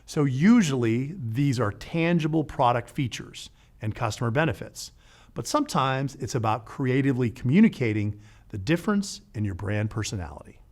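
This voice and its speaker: A man hosting an educational show, narrating a script in a lively way with playful asides. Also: medium pitch, moderate pace. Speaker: podcast host.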